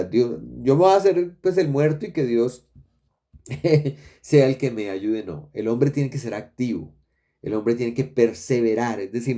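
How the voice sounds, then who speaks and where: A man delivers an expository sermon from a church pulpit. His voice is mellow and dark in tone, sitting in the middle of the usual male pitch range. He speaks earnestly, often repeating words for emphasis and calling his listeners brothers. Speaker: pastor.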